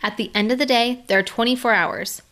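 A woman's voice: a little high, brisk, sharp tone. A middle-aged woman giving an earnest, conversational faith-based motivational talk, laughing now and then.

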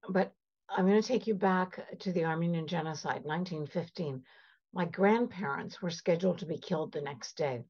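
A woman's voice: on the low side, normal speed, a little mellow. An older woman guest, born in Egypt and raised in Canada, telling stories in an emphatic, passionate way. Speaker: privacy expert guest. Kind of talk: conversational storytelling. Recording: slightly dull lo-fi audio.

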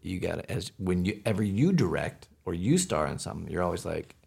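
Gravelly, husky man telling stories. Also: low voice, brisk. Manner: animated storyteller. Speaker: community theater actor. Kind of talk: casual group chat.

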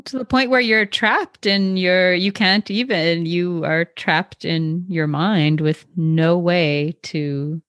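A woman interviewer asking measured, reflective questions. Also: on the low side, fairly bright tone, dry recording, clean studio sound. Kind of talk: conversational interview.

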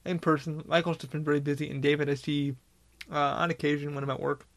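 A male podcast host delivers a casual solo monologue, rambling loosely and swearing constantly as if chatting off the cuff rather than reading. His voice is a little high for a man, with a rough, gravelly fry, and he talks fast in a level tone.

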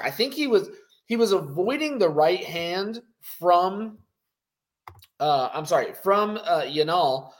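A man co-hosting a casual post-fight show, talking in an animated, rambling way with many fillers. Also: sits high. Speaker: co-host.

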